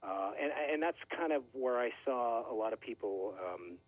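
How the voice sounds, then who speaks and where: A man's voice: mid-range voice, lively intonation, moderate pace. A middle-aged man from Canada, a record label owner, talking casually as an interview guest, friendly and full of fillers. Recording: tinny phone line, dry.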